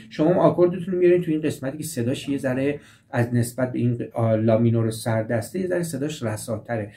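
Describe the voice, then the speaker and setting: This man's voice sits on the high side with a dark tone as he teaches guitar. Patiently, he works through chord shapes and goes over every step more than once while a guitar plays in the background.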